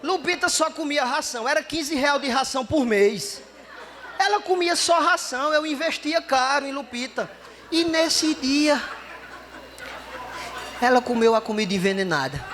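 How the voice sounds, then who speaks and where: A man telling a story in stand-up comedy, lively and acting out the dialogue. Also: very high-pitched, normal speed, a faint crowd, slight background noise.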